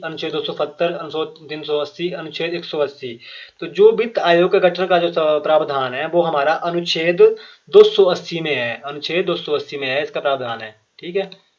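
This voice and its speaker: Man explaining quiz answers, muffled recording. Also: a little high. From Himachal Pradesh. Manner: reads each question and options aloud, repeats, then explains answer; frequent fillers and restarts, addresses viewers directly. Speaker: quiz teacher. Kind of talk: exam prep quiz lesson.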